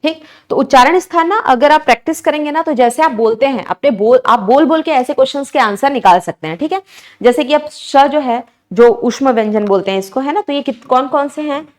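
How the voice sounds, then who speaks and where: A woman's voice: high voice, lively intonation, brisk. A woman teaching an exam-prep lesson, explaining each answer step by step and constantly asking her students questions.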